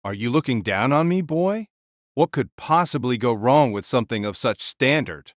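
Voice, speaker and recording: A man's voice: medium pitch, animated, moderate pace, dry recording, clean studio sound, lightly acted. A man voicing a giant, boisterous ancient king spirit in an audio drama, hearty and blunt in manner. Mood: scornful. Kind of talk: fan audio drama acting.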